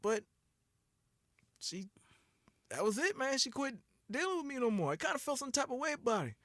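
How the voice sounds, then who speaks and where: A man in his thirties telling a story on a podcast, lively and laughing, with a close dry mic sound. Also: very high-pitched, moderate pace, no room sound. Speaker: podcast co-host. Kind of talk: casual storytelling chat.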